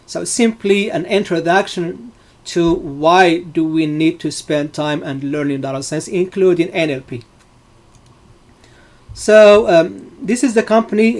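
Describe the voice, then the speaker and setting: A middle-aged man from Morocco, with a fairly high voice, leads a live online data science class. He explains each step patiently and fills his pauses with many ums and uhs. He often restarts his sentences as he goes. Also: darkish tone. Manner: explanatory, frequent fillers and restarts.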